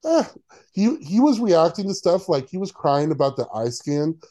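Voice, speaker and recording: Man, dark voice, casual sarcastic podcast chat, lots of "like"s. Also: fairly high pitch, big pitch swings, moderate pace. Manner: sarcastic, opinionated, lots of fillers. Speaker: podcast co-host.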